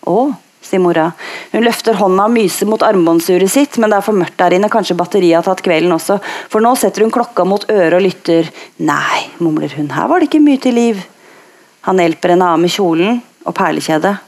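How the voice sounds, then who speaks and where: A woman reading a literary passage aloud in a slow, measured way. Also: on the low side, darkish tone.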